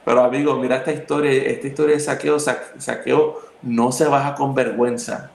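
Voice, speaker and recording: A man's voice: medium pitch, a little fast, creaky, a little hiss or hum. A man with a Puerto Rican accent in a casual spiritual talk, telling stories and acting out the people in them. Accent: Puerto Rican Spanish. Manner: lively storyteller who acts out the quoted people. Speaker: youth talk co-host. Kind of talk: casual spiritual conversation with storytelling. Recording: echoey room.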